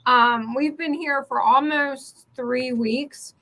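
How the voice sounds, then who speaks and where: A woman co-hosting an online talk show, telling a story in an animated, chatty way. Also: sits high, slow, rough recording. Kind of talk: casual chat.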